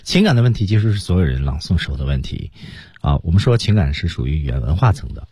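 Male radio teacher, low husky voice, lively intonation, patient explainer. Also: no echo, clean studio sound. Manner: explains slowly, models lines in English. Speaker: English reading teacher.

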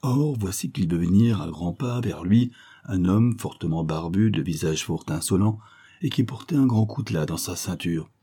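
A man reading a classic tale aloud in a measured, expressive storytelling manner. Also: deep voice, husky. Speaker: narrator.

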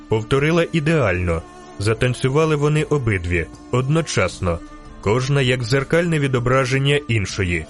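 A man narrates an audiobook with a steady, rhythmic storytelling delivery at a middle pitch. Soft music runs faintly beneath his reading. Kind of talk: scripted narration.

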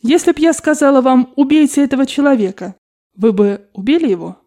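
Haughty sharp-tongued young lady, read by a woman, mellow low-key voice, cold and cutting. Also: lively intonation, a little fast. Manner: cold, contemptuous delivery.

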